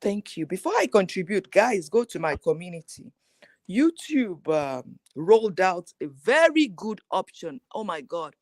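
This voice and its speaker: A woman guest talks over a remote call in a lively, chatty way and laughs easily. Her voice comes through dry and close, with no room sound around it. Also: lowish voice, unhurried, no echo. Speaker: guest YouTuber. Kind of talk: casual live chat.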